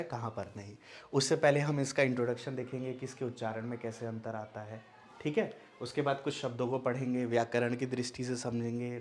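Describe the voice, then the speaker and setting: A male teacher with a mid-range voice gives a spoken language lesson, posing questions and answering them himself. He repeats words slowly, stretches out their nasal sounds, and keeps checking whether things are clear.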